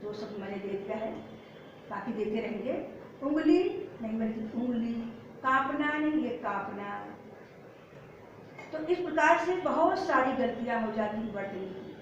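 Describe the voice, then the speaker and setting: A woman teaching an exam-prep lesson, explaining step by step and repeating words slowly to correct spelling. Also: on the high side, animated. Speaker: Hindi teacher. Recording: echoey far-off lo-fi room sound with faint hiss.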